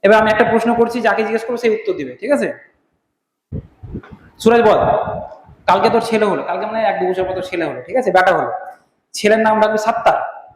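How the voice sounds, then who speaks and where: High-voiced male teacher in echoey hall. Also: a little fast, pauses often. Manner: questioning, rhetorical, addresses students directly. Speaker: Islamic teacher. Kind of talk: classroom lesson. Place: classroom. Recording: echoey hall with long reverb.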